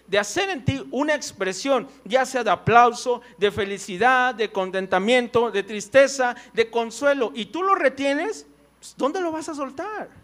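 A man's voice: very high voice, fairly bright tone. A man preaching a conversational sermon in church. He tells personal stories, full of fillers and "right?" tags.

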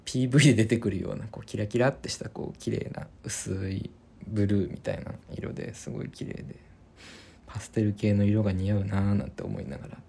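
Male solo podcast host, low raspy voice, easygoing meandering talk. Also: fast talker. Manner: relaxed, rambling, many fillers and restarts.

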